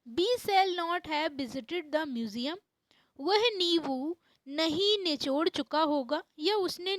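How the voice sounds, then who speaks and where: A woman teaching an English grammar lesson, reading each English sentence slowly and repeating it. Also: high-pitched, a bit bright, no room sound, poor audio.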